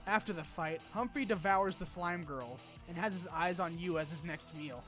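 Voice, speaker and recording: Over background music, a man delivers a scripted game retrospective in a somewhat high voice that sounds pushed and bright. His narration runs at normal speed and is casual, profane, and full of opinions and offhand asides.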